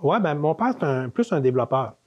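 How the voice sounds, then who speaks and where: The speaker is a manor co-owner in his fifties with a Quebec French accent, recounting family stories in a relaxed interview, with many fillers and false starts. His voice is a little high and slightly rough, sing-song and a little fast; the sound is lo-fi.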